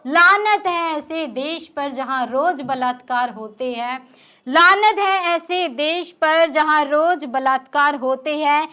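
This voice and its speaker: A young woman reciting her own poetry at an open mic. She says each couplet twice, the second time louder and with more force. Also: high voice. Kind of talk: reciting Hindi poetry on stage. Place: small live stage.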